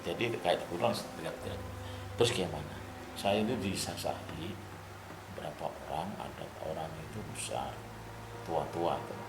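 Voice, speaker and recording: An older man with a very low, gravelly voice tells a story in a casual way. He is animated and rises to loud bursts at the tense parts. The recording sounds roomy, with clear ambience behind him. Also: normal speed, music in the background.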